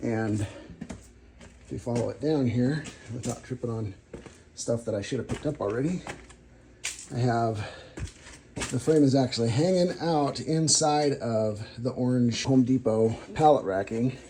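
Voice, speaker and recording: With a medium-pitched voice, a somewhat slow delivery, and long pauses, a man addresses his viewers directly from his home garage. As a DIY car builder vlogger, he chats casually and rambles a little about his car project, against a noisy background.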